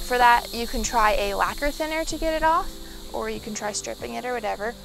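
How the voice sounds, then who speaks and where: A woman's voice: fairly high pitch, lively intonation, fairly quick, creaky, poor audio. A woman vlogging her furniture flip, chatting casually through each step with some ums and asides. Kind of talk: casual how-to explanation. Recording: background music. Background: background music.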